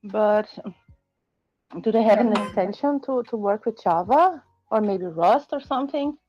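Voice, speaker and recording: A woman's voice: mid-range voice, lively intonation, a little slow, dull audio. A woman on voice chat, speaking hesitantly and searching for her words. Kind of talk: casual voice-chat conversation.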